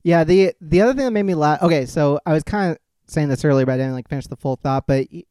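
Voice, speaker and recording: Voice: mid-range voice, fast talker, warm tone, smooth, no room sound, clean studio sound. A podcast co-host in casual chat who rambles, jokes and laughs often.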